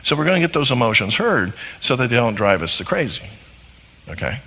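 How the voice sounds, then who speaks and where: Lively gravelly man lecturing in a hall. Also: mid-range voice, brisk. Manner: animated, acts out little scenes with voices. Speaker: marriage seminar speaker. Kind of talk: lively seminar lecture to a live audience.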